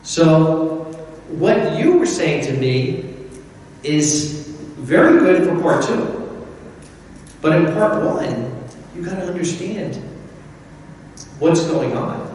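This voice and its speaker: Guy preaching casual and folksy, repeats himself a lot, voice a bit high, sounds far off in a big hall. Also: lively intonation, takes it slowly, long pauses, a little mellow, a little hiss or hum. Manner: conversational, repetitive, folksy. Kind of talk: sermon.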